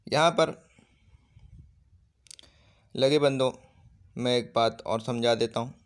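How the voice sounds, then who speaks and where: A man with Urdu as his first language teaches Arabic grammar to a class, patiently repeating himself and checking for understanding. His voice is medium-pitched and slow.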